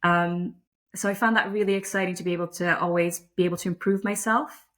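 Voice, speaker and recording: In a relaxed interview, a Dutch woman who umpires lacrosse talks modestly and reflectively, frequently restarting and filling pauses. Her fairly low voice is a bit bright, with fairly even intonation and a fairly quick delivery.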